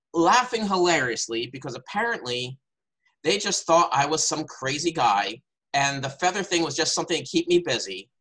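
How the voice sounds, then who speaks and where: A man's voice: fairly high pitch, a bit bright, poor audio. A man telling a playful tall tale and hosting turns in an improvised storytelling game over a video call. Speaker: game host and player.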